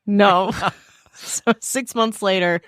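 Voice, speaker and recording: A podcast co-host trading quick reactions and jokes, laughing often. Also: medium pitch, fairly even intonation, fairly bright tone, clear, resonant tone, no echo. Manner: reactive, laughing, lots of short quips. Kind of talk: casual comedic chat.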